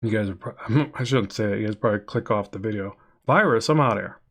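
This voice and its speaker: This nasal-voiced man talks fast and low, with vocal fry, as he draws on a live stream. He's a comic artist who rambles, chats casually with viewers, and reads their messages aloud.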